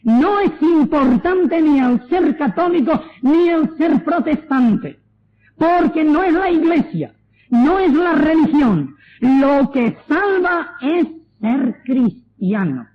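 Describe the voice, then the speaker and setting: A man with a Spanish accent and a very high voice preaches his testimony with earnest conviction, slowing down to stress key points. The sound is thin and tinny, like an old phone-line recording. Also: expressive. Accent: Spanish from Spain. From Spain. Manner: earnest, exhorting, slows for emphasis.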